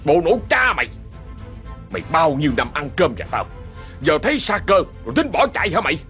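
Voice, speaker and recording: A man's voice: on the high side, wildly swooping pitch, fairly quick, a bit bright, soft background music, pitched above the performer's own voice. A man voicing a cruel, sick, short-tempered landowner who barks threats in a ghost story. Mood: furious. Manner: harsh, barking, scornful.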